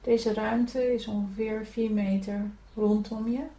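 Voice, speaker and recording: A woman leading a guided spiritual meditation, giving gentle, soothing instructions to breathe and relax. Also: a little high, steady tone, slow, faint music behind. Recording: echoey room, from a distance.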